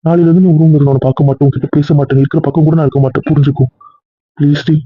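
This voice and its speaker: A man's voice: a little high, steady tone, racing, husky, no room sound. A man acting as a worried husband who pleads with his wife and grows heated, in an amateur serial drama. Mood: pleading. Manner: pleading, then heated and insistent. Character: worried, possessive young husband. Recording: dry, tinny phone-like recording.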